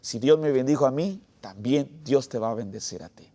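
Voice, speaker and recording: A male pastor shares a personal testimony in a sermon, earnest and unhurried. His voice sits at a medium pitch, and he often trails off softly at the end of phrases, with halting restarts. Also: background noise.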